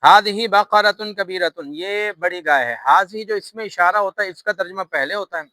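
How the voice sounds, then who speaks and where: A man's voice: sits high, pushed and bright, dry recording, poor audio. A man with a Pakistani Urdu accent teaching an Arabic lesson, patiently repeating each grammar rule step by step. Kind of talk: classroom lesson explaining grammar.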